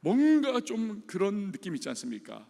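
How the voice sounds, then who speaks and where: Lively gravelly-voiced male preacher. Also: high voice, moderate pace, in a large hall. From South Korea. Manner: animated storytelling, acting out voices of people in the story. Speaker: pastor. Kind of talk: sermon. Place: church sanctuary.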